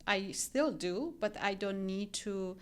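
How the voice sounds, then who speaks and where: A woman's voice: mid-range voice, takes it slowly. A woman from Iran with an Iranian accent, a guest in a casual podcast interview, talking earnestly with frequent ums and restarts. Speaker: guest real estate agent.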